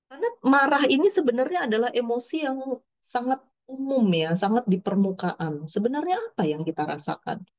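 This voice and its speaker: A middle-aged woman counselor giving an explanatory talk to parents, her voice rising and falling as she explains, with many fillers and quoted inner thoughts. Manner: lively, pitch swings up and down while explaining.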